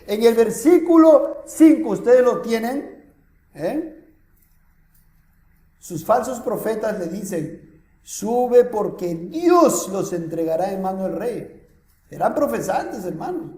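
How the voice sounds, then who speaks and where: A man with a Peruvian accent preaching a sermon as pastor, lively and full of rhetorical questions to the congregation. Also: very high voice, roomy sound. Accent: Peruvian Spanish. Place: church hall.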